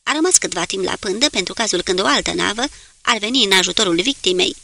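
A woman reading the lines of a calm, stern male submarine commander, giving clipped, firm orders. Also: mid-range voice, vocal fry, no room sound, full character voice.

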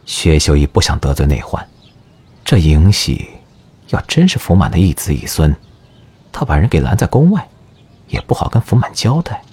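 Deep husky guy narrating an audio drama, lively tone. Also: moderate pace. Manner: expressive storytelling.

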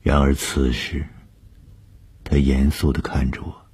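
A man narrating a first-person audiobook story, slow and often breathy, sometimes half-whispered. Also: very deep voice, little pitch movement, darkish tone.

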